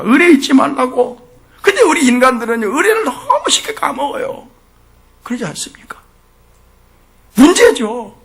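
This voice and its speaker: Middle-aged male pastor, sermon, husky bright voice, lively swings from murmurs to shouts. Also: sits high. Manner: emphatic, asks the congregation questions, swings from quiet asides to shouting.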